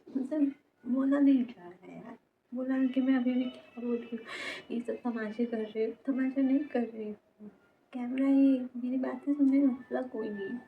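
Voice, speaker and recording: A young woman in her 20s, a vlogger, gives a personal confessional talk to camera, speaking haltingly and repetitively and trailing off mid-sentence. Her voice is a little high, and the recording is tinny and phone-like with a noisy background.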